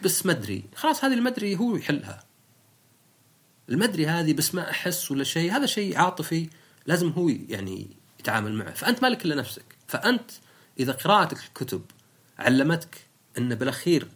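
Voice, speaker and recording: A podcast host with a Saudi accent talks in a casual, animated way, piling up everyday examples. His husky voice swings widely in pitch, and he talks fast. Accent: Saudi Arabic.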